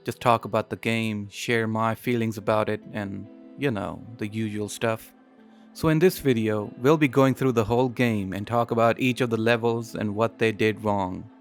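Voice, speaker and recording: A man's voice: fairly low pitch, steady tone, normal speed. Man narrating a game review over music. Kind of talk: scripted video essay narration.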